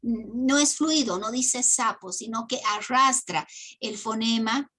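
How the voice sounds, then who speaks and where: A woman's voice: on the high side, takes it slowly, sharp tone. A woman teacher giving an online class lecture, explaining step by step with many "eh" fillers and "¿no?" tag questions.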